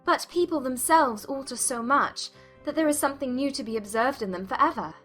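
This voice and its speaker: A woman's voice: high voice, a little fast, a bit bright, faint music behind, voice pushed up. A woman voicing a witty, self-assured young lady in a dramatized audiobook, teasing and articulate. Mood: playful. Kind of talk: dramatized audiobook character reading.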